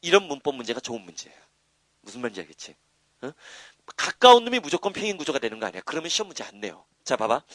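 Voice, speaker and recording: A man's voice: fairly high pitch, dry recording. A man giving a live English grammar lecture, nudging students with constant rhetorical questions and boastful asides. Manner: animated, prods students with rhetorical questions and tags.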